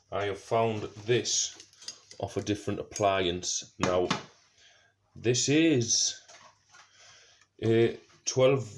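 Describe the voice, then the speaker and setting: A man with a lowish, slightly mellow voice presents a DIY car project video, giving a casual hands-on tutorial in which he talks through each step and thinks aloud as he works. The recording is noisy and amateur, with clicks.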